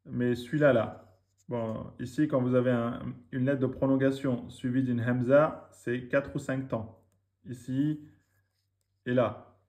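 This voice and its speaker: A man teaching a reading lesson, slowly drilling words syllable by syllable, with quick asides in between. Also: medium pitch, fairly even intonation, a little mellow. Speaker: Arabic teacher.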